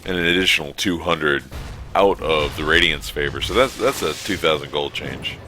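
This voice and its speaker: A man with a deep but forceful, bright voice gives casual game commentary. He is blunt and swears freely, with faint noise in the background. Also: moderate pace. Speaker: esports co-commentator.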